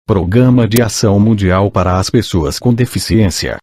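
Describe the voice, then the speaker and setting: A synthesized male voice with a Brazilian accent, like an old speech synthesizer, reading an audiobook in a mechanical, measured way. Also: lowish voice, a little mellow, no room sound, studio quality. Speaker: audiobook narrator. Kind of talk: scripted audiobook reading of a list of laws and credits.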